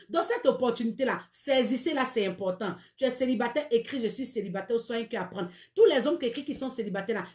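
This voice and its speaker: A woman's voice: fairly high pitch, a little mellow, roomy sound. A woman hosting a live-stream dating advice show, speaking frankly and teasingly, and repeating her catchphrases.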